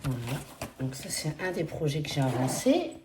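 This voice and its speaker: Over heavy background noise, a low-voiced, very animated woman speaks at a moderate pace. She has a non-standard accent in French and chats her way through a casual flosstube update on her cross-stitch, full of fillers, hesitations and apologies.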